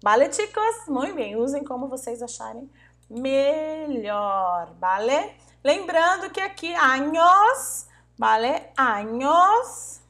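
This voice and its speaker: High-voiced woman teaching patiently. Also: lively intonation, fairly bright tone. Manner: patient, repeats words slowly, checks in with "tá?" and "vale?". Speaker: Spanish teacher. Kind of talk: online language lesson.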